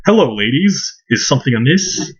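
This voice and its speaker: A man's voice: mid-range voice, very animated, moderate pace, voice pushed up, lightly acted. A man doing a courteous young prince. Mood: polite. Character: polite young male prince. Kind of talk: fan voice-over of game dialogue. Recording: muffled lo-fi mic.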